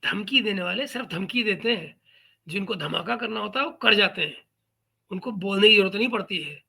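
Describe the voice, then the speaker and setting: Bright-voiced, mocking male commentary host. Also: sits high, fairly quick, creaky, husky. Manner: mocking, sarcastic. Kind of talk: reaction commentary.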